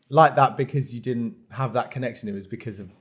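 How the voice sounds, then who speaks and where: A male podcast co-host speaks at a middle pitch in relaxed, reassuring tones. He eases his guests along with calm follow-up questions. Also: fairly quick. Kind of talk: casual chat.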